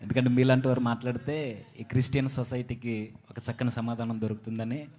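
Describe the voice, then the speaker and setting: A male interviewer speaks quickly and respectfully. His voice sits at an ordinary middle pitch. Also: level tone, mellow. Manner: polite, deferential, rapid. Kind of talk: interview questions.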